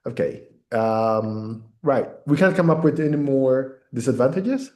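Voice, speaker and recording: A man with a mellow voice teaches informally at an unhurried pace. He guides the discussion with frequent short check-ins, and the sound is roomy and echoing. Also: mid-range voice, lively intonation. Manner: checks in often with "okay, right, yeah". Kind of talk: informal online lesson, guiding discussion.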